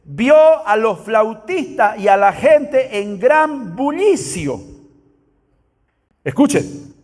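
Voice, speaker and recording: Pastor, very high voice, emphatic sermon delivery, long hall reverb. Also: male voice. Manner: emphatic preaching with repeated calls to the congregation.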